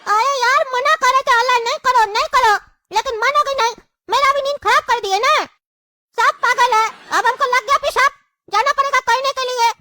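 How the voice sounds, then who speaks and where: Very high-voiced whiny woman. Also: normal speed, pushed and bright, no echo, clean studio sound. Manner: whiny, complaining. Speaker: younger brother character in a comedy sketch. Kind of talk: scripted comedy sketch.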